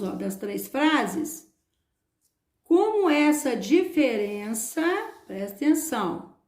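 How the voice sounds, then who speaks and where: A woman teacher with a Brazilian Portuguese accent, explaining a school exercise slowly and patiently to young children. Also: high-pitched, reverberant. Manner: slow, explanatory, addressing children. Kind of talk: online classroom lesson.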